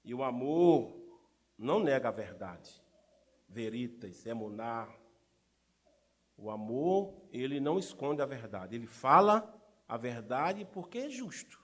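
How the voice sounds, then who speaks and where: In church, a middle-aged man delivers a sermon as pastor, speaking slowly with long pauses in a mid-range voice. He's animated and keeps posing rhetorical questions to the congregation.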